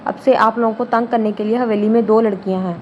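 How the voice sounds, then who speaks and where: A woman's voice: a little high, steady tone, highs cut off, slight background noise, close to an everyday voice. A woman reading a playful, teasing young woman. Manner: bright, teasing.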